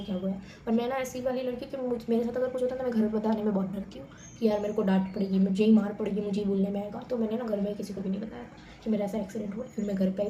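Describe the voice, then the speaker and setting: In an echoey room with a faint hum and dull audio, a young vlogger spins stories to camera fast and chattily. Her mid-range voice is mellow and dark-toned, and her delivery is animated and familiar.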